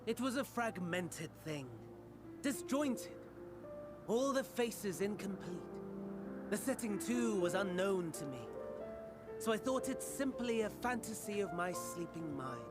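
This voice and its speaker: A scheming video game villain with a high, mannered voice. He is courtly and mocking, savoring formal phrases with dramatic pauses while music plays clearly behind him. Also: lively intonation. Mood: morbid reverie. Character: scheming theatrical male villain, courtly, mocking, morbidly delighted.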